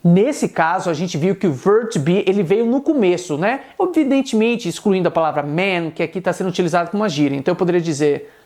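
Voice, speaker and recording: A Brazilian man teaching English online, with a Brazilian Portuguese accent. He explains patiently in a lively voice that swings up and down. He slows right down, word by word, whenever he models an English sentence. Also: high voice. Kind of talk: online language lesson.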